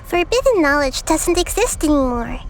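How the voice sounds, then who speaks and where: A woman playing a calm, thoughtful young scholarly companion in a video game, speaking in a measured, reflective way. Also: high-pitched. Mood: reassuring. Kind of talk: video game character acting.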